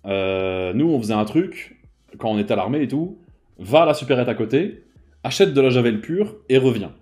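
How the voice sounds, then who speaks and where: A man's voice: mid-range voice, lively intonation, moderate pace, darkish tone, close to an everyday voice. A man quoting a sixty-year-old retired firefighter who gives confident, matter-of-fact advice. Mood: assured.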